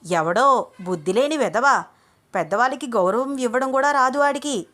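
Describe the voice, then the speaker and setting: A woman's voice: a little high, voice pushed up. A woman voicing a cranky, forgetful old grandmother who speaks with a toothless lisp and stammer, in a story read aloud. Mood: angry. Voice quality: lisping, stammering. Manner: scolding, loud and slow.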